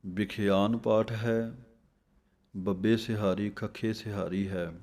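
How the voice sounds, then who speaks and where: A man with a Punjabi accent teaches scripture recitation at a very slow, deliberate pace. He chants each verse carefully, word by word, then explains how to pronounce it and where to pause. His voice is low and mellow. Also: fairly even intonation.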